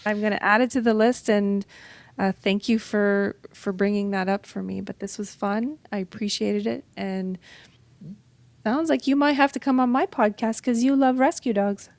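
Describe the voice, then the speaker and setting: A woman's voice: medium pitch, fairly even intonation, moderate pace, darkish tone, no echo. A middle-aged woman from northern Ontario, a guest author chatting casually and upbeat in an interview. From northern Ontario, Canada. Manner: chatty and upbeat, laughs easily.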